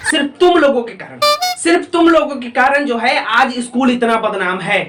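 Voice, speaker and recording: A man acting as an angry, scolding teacher in a comedy sketch, shouting at his class. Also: very high voice, animated, normal speed, reverberant, very noisy.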